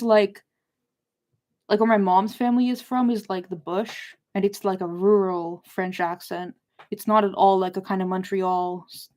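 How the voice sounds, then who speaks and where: A young woman hosts a livestream book discussion, chatting casually with her viewers in an informal, rambling way as she drifts from point to point. Her voice sits at a medium pitch with a darkish tone.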